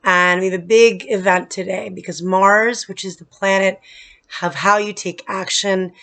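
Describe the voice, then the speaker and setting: A woman's voice: medium pitch, steady tone, normal speed, bright, forceful tone. A woman astrologer talking casually to her viewers, explaining planetary events while she is losing her voice and stumbles a little now and then. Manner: explanatory, with some restarts and filler. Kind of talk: casual astrology talk to camera. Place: humid place.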